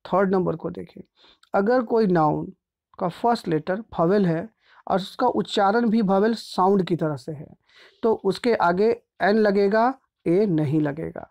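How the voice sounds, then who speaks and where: A man's voice: sits high, unhurried, creaky, a little mellow. A man teaching a grammar lesson step by step. He speaks patiently, repeats points, and often checks in with his pupils.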